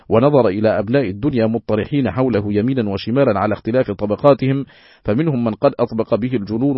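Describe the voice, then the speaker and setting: Guy reading an old religious book, steady and formal, husky voice, dry close sound. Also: on the low side, no echo, muffled recording. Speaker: audiobook reader.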